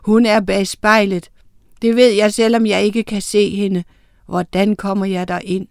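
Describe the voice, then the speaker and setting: Big boy dragon rumbling and booming, storybook, dry close sound , as a woman narrator does him. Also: level tone, creaky, no echo, lightly acted. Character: schoolboy who turns into a huge male dragon.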